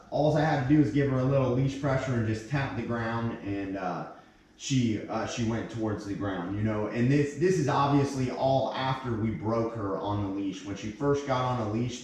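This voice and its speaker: Male dog trainer, thirties, slightly low voice, firm dog commands, casual instruction, very echoey living room. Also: moderate pace, darkish tone, a little hiss or hum. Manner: firm, short dog commands mixed with praise. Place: indoors, hard-floored living room. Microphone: distant fixed camera. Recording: echoey room, far from the microphone.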